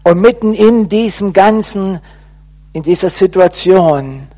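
Male speaker for a church testimony: earnest, unhurried pace, slightly husky voice, drops soft and low for weighty moments. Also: animated. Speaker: speaker giving a personal testimony. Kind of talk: personal conversion testimony.

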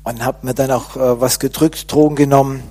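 A man giving an earnest personal conversion testimony, sinking to a soft, low voice at grave moments. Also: steady tone, fairly quick.

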